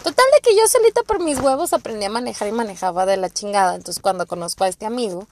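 Speaking quickly in a mid-range voice, a young podcast host with a Mexican accent tells casual personal stories. Her delivery is rambling and profane, and she performs the voices of whoever she's quoting.

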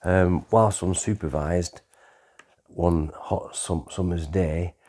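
A man in his sixties recounts his own life in a loose, unhurried way, stopping and restarting as he goes. His voice is deep and mellow, with a husky edge. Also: steady tone. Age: 60s. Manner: rambling, conversational, with frequent pauses and restarts. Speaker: memoir author telling his life story. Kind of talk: unscripted autobiographical storytelling.

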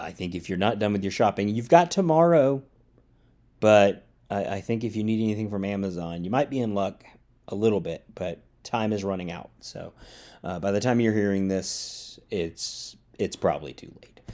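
Recording alone in his studio apartment, this podcast host from the South has a fairly low, darkish voice. His delivery is casual and rambling, dotted with fillers and chuckles, and he comes across as somewhat tired.

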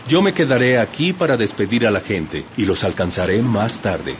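An actor playing Jesus in a dramatized audiobook, a calm, gently commanding grown man. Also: on the low side, moderate pace, slight background noise, close to an everyday voice. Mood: instructing. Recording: dramatized audiobook with music behind.

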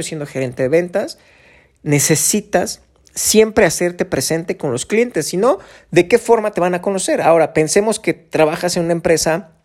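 A man's voice: a little high, darkish tone. A man with a Mexican accent hosting a solo podcast, talking conversationally in a coaching tone, asking rhetorical questions and using casual fillers. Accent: Mexican Spanish. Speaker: podcast host. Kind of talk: solo podcast monologue on sales.

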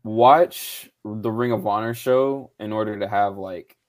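A podcast co-host with a lowish, unhurried voice chats casually and loosely during a live stream, swearing a lot and tossing out "bro" and "man." He's clearly losing his voice.

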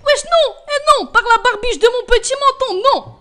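A man voicing a clever, cheeky little pig in a storybook reading, with a squeaky, quick, defiant voice. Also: lively intonation, sharp tone, faint music behind, full character voice.

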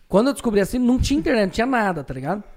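Fast-talking high-voiced man telling stories. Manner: slangy, profane, animated anecdotes with shouted outbursts. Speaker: streamer guest. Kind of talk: casual podcast storytelling.

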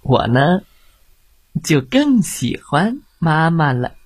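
A man hosting a bedtime story show for children, reading aloud in a soft, lilting storytelling manner. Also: on the high side, sing-song, slow pace, husky, no room sound. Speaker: storyteller host.

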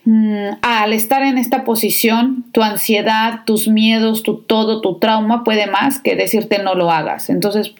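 A woman's voice: fairly high pitch, fairly even intonation, unhurried, few pauses. A young woman hosting a podcast, telling her own story in a chatty, emotional way and talking straight to her listeners. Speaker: podcast host. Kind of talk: personal storytelling.

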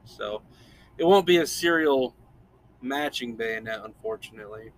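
A man's voice: medium pitch, lively intonation, moderate pace. A man hosting a podcast in casual chat, laid-back and rambling, chuckling often. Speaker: podcast host.

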